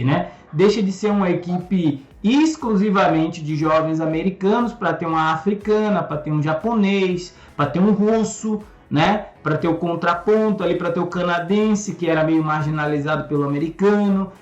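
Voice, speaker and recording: A man's voice: high-pitched, moderate pace, few pauses. A man from Salvador, a guest explaining comics at length in a thoughtful way with frequent fillers. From Salvador, Brazil. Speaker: guest, comics channel host. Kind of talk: casual explanatory chat. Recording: echoey, muffled room over a call.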